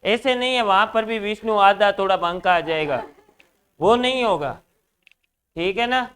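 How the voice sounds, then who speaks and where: A male teacher with a Rajasthani accent runs a lively class, bantering and teasing students between problems. His voice sits high and rings smooth and clear. He talks in a classroom full of students. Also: normal speed. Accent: Rajasthani Hindi. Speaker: reasoning teacher.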